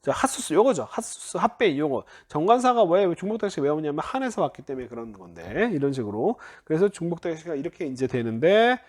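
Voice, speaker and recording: Lively high-voiced male lecturer. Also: a little fast, few pauses. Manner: explanatory, uses many "자" prompts, self-corrects and laughs lightly. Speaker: Biblical Hebrew grammar teacher. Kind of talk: recorded classroom-style lecture.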